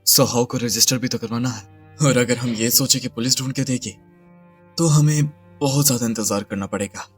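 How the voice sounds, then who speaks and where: A man's voice: mid-range voice, normal speed, slightly rough, far from the mic, faint music behind, natural voice. A man dubbing a deceitful, short-tempered husband, with a Hindustani accent. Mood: feigned care. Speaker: dub actor. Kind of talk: dubbed drama acting.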